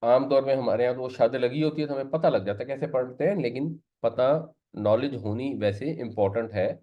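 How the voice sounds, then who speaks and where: Man teaching, muffled recording. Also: medium pitch. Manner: explains step by step, slipping English words into his talk. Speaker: Quran teacher. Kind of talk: classroom lesson on Arabic grammar.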